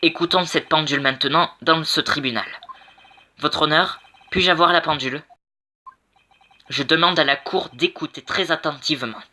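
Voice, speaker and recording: A man's voice: a little high, normal speed, sharp tone. A man reading an earnest stammering young lawyer. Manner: stammering, hesitant. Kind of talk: amateur game voice-over.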